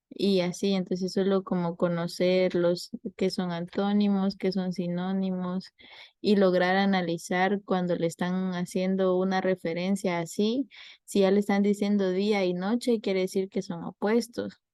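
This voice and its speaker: A woman's voice: mid-range voice, flat delivery, a little slow, mellow, smooth, no room sound. A young woman, tutoring a class and patiently explaining step by step with examples.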